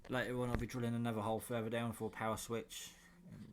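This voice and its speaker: Against a noisy background, a British vlogger quickly talks through his homemade radio in his kitchen, rambling informally and off the cuff with mild swearing. His voice is medium-pitched with little pitch movement.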